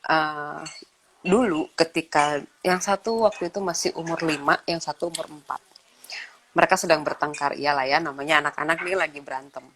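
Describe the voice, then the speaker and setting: A woman's voice: sits low, fairly quick, fairly bright tone, slight background noise. A woman in her thirties, a mother talking in a casual chat about raising children, often acting out quoted dialogue. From Indonesia. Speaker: guest speaker.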